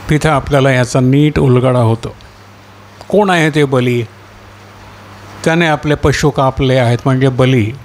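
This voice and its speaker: A male pastor preaching a sermon, questioning his listeners and echoing the reader's words, climbing high and fervent as he voices the martyrs' plea. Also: measured pace, long pauses, a little hiss or hum. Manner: rising to a high, impassioned pitch when voicing the martyrs' cry; asks the congregation questions and echoes the reader.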